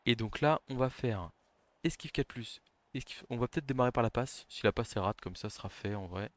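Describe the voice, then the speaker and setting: A man commentating his own board game match live, talking tactics under his breath and shouting when a play succeeds or fails. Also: mid-range voice, fairly quick. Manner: excitable, shouts on big plays, then murmurs tactics. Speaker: gaming commentator.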